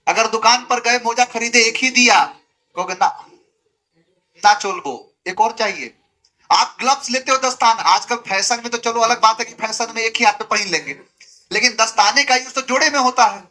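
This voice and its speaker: A man's voice: high-pitched, pushed and bright. A man teaching a grammar lesson, asking rhetorical questions and answering them himself, with emphatic, repetitive corrections. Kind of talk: classroom lecture.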